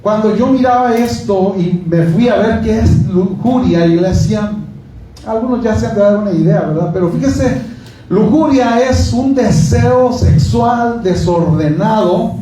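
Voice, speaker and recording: A man's voice: high voice, expressive, measured pace, dark tone, a little hiss or hum. A man preaching a sermon in a church, chatting with the congregation, asking them questions and joking. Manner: conversational preaching, asks the congregation questions, jokes. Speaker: pastor. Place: church hall. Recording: echoey hall, from far off.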